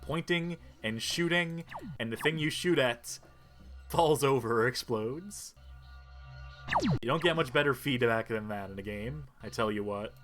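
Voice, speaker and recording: A man's voice: mid-range voice, unhurried. A man doing casual gameplay commentary with wry, folksy asides. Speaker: video game streamer. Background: game music and sound.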